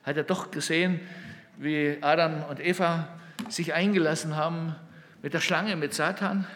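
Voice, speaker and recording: A man with a fairly high voice preaches a sermon, full of feeling, going from ringing calls down to near-hushed asides. His voice rings out with the long reverb of a hall. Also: steady tone, normal speed, slight background noise. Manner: emotional storytelling, swings between loud calls and near-hushed asides. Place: hall with a gathered audience.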